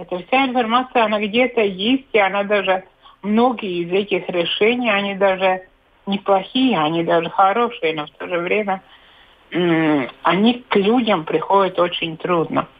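A woman with a slightly low voice speaks as an interview guest over a dull, band-limited live link. She is from Latvia and gropes for words in halting phrases. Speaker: head of an organisation, interview guest.

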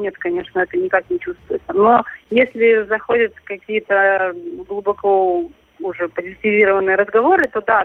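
A Ukrainian woman speaks as an interview guest in a husky, medium-pitched voice. Her answers are casual and hesitant, full of fillers and restarts. The audio comes through a tinny phone line with no room sound.

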